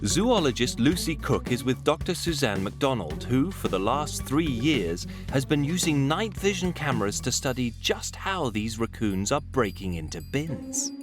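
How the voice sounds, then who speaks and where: A man's voice: medium pitch, big pitch swings, moderate pace, hardly any pauses, over music. A man delivering scripted nature documentary narration as the programme's narrator.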